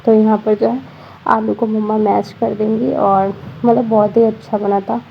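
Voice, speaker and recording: In a separately recorded voice-over, a young vlogger with a slight cold chats through her daily vlog, sounding tired and dropping fillers like "matlab" often. Her mid-range voice is gravelly, moderately paced and fairly level in pitch, while the audio is dull with a little hiss or hum.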